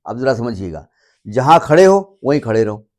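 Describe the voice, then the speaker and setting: A man's voice: medium pitch, big pitch swings, moderate pace, a little mellow. Chatty male maths teacher. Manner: chatty, repeats points, mixes in English terms; stops often to check that students understand. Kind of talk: classroom lecture.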